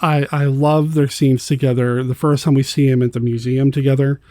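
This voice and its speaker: A man's voice: medium pitch, flat delivery, moderate pace, mellow, no echo, clean studio sound. A man hosting a podcast, chatting enthusiastically about a film, rambling a little with restarts. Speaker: podcast host. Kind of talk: casual film discussion.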